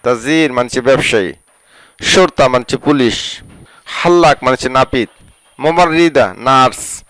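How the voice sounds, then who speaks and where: A man teaching a word-by-word language lesson, slowly repeating each word and its meaning. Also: medium pitch, fairly bright tone, no room sound, low-quality recording. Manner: slow, repetitive drilling of words and their meanings.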